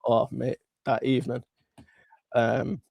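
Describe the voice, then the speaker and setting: Male livestream host, chatty market commentary, congested swollen-tonsils voice with gravelly fry, dry sound. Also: medium pitch, little pitch movement, slow, darkish tone, no room sound. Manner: informal, chatty, addressing viewers. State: congested, strained throat from tonsillitis and a cold. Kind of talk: casual live stock market commentary.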